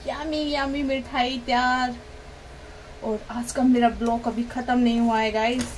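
Woman, middle-aged, casual cooking vlog, chatty, step-by-step, fairly high voice, phone video, clear background noise. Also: little pitch movement, moderate pace, low-quality recording. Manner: chatty, step-by-step, addresses viewers directly. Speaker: cooking vlogger. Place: home kitchen, indoors. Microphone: phone camera held nearby.

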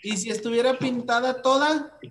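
A woman's voice: a little high, normal speed, slight background noise. A Mexican woman teaching a math lesson to young children, asking questions patiently.

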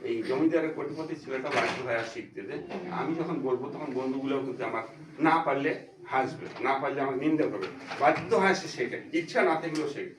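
A man's voice: mid-range voice, fast, background noise. A man giving a devotional talk, earnest and repeating phrases for emphasis. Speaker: religious speaker. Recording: echoey room, voice from far off.

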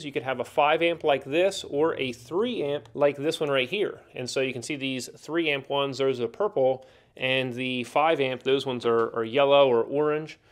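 A man in his thirties teaching circuit board troubleshooting in a plain, practical way, with the odd filler, from a small training room. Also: fairly high pitch. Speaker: HVAC instructor. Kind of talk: technical training explanation. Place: indoor training room with whiteboard.

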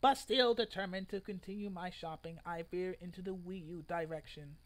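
His voice is high-pitched and moves at a moderate pace. The speaker, a man in his twenties who makes online videos, dramatically reads a written post at home with exaggerated theatrics and sudden loud outbursts.

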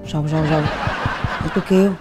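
An actress playing a flustered mother with a Southern Vietnamese accent who talks quickly and fussily. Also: low-pitched, fairly even intonation, close to an everyday voice. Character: flustered mother reassuring her son. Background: sitcom background music.

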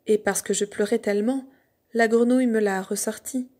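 A spoiled young princess from a fairy tale, talking in a lively, raised voice, played by a woman reading the story. She sounds pampered and a little childish. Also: a little high, normal speed, natural voice. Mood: anxious.

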